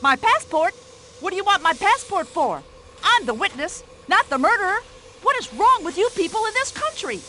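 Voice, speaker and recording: An actress playing a pushy, talkative middle-aged American widow who complains indignantly, with an American accent. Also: female voice, extremely high pitch, big pitch swings, normal speed, pushed and bright, slight background noise, full character voice, rough recording. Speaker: witness in a radio-style drama.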